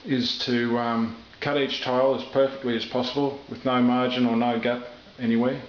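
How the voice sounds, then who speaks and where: Filmed indoors while tiling a kitchen he is renovating, a middle-aged man offers loose how-to commentary full of hesitations and filler words. He speaks off camera in a mid-range, flat voice, picked up by the camera mic with a roomy, dull sound and faint noise.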